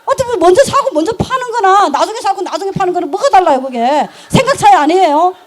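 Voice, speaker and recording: A middle-aged woman, telling her business story in an animated, emphatic way and laughing often. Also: extremely high pitch, fast. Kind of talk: lively storytelling talk.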